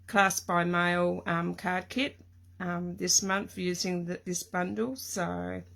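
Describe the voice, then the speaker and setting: Speaking slowly in a level tone, this middle-aged Australian woman from Tasmania has a croaky, fairly bright voice that sits on the low side. She rambles casually, full of ums, while running a live craft stream from her craft room.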